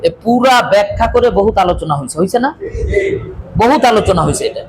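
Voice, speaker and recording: Man, very high voice, Quran recitation teacher, keeps asking "right?", faint noise behind. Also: lively intonation, fast. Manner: repeats checking questions to students, stresses letters aloud. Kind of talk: classroom recitation lesson.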